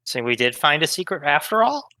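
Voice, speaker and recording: Male tabletop player, bright forceful voice, casual chat. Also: on the high side, very animated, fairly quick, no echo.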